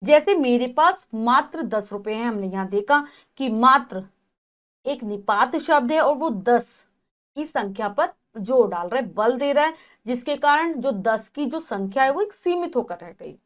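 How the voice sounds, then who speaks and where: High-voiced woman teaching a lesson. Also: expressive, a little slow, fairly bright tone. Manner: explains step by step and addresses children. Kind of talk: classroom grammar lesson.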